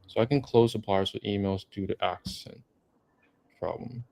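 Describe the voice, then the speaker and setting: A man's voice: lowish voice, normal speed, gravelly, mellow. A man hosting a casual livestream Q&A, reading viewer comments aloud in a laid-back way. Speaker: livestream host.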